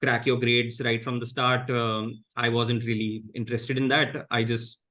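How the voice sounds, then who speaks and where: A man in his thirties with an Indian English accent, a guest in a casual interview, talking in a measured, low-key way with many fillers and restarts. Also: level tone, bright, forceful tone. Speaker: guest comedian.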